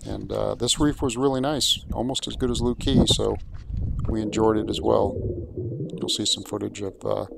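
A man casually narrating his boating and snorkeling trip, relaxed and rambling with fillers. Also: on the low side, moderate pace, gravelly, noisy background. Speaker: vlogger.

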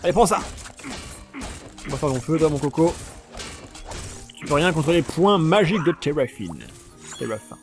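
A man giving casual, jokey commentary on a video game while playing, shouting during fights. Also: a little high, animated, moderate pace, pauses often, soft background music. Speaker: let's play gamer.

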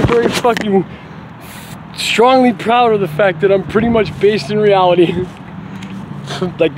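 A man's voice: sits high, gravelly, background noise. A middle-aged man venting in a rambling, profane monologue to camera, swearing constantly and laughing now and then. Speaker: vlogger.

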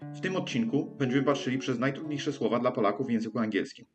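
A man teaching an English pronunciation lesson, talking haltingly with frequent hesitations and self-corrections, and repeating sounds aloud to demonstrate them. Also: mid-range voice, loud music behind the voice.

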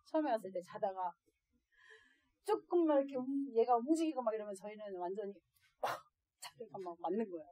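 A woman speaking as an adoptive mother to other parents, telling stories in a lively way and often laughing. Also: medium pitch, brisk, no echo. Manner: lively, acts out quoted voices and laughs often. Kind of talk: storytelling lecture to parents.

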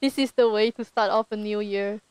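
A woman's voice: mid-range voice, fairly even intonation, fairly quick, a little mellow, smooth, no echo, low-quality recording. A woman streamer chatting casually and giggling often while playing a farming game with a friend. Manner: giggly, laughs often, playful banter. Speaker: streamer host.

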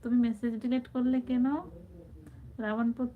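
A woman's voice: on the high side, little pitch movement, moderate pace. A woman hosting a casual live stream, chatting affectionately with viewers and reading out their comments. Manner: chatty, affectionate, calls viewers brother and sister. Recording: tinny phone-like sound with faint background noise.

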